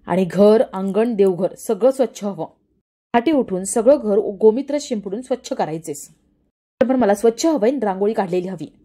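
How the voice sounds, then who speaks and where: A woman's voice: mid-range voice, warm tone, close to an everyday voice. A woman reading a stern, haughty older guru woman. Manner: scolding, commanding.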